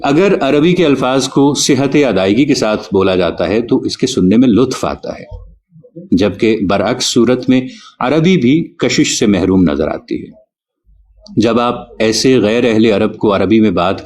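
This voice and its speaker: A man gives a patient spoken lesson on pronunciation. He explains carefully and slows down to spell out individual sounds. His voice sits low, but his pitch swings widely as he stresses points. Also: a little mellow. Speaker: Urdu teacher.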